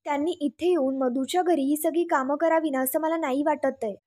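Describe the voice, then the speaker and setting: A woman narrating a recap of a TV serial episode, reading the characters' lines in her own even voice. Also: high voice, brisk. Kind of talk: fast retelling of a serial's plot.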